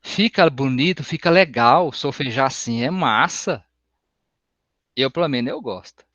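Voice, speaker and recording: Slow-talking man teaching music. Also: medium pitch, animated, fairly bright tone, no room sound. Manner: slow, explanatory, breaks into singing solfège syllables. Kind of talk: open class lesson with sung solfège. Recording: dull, lo-fi sound.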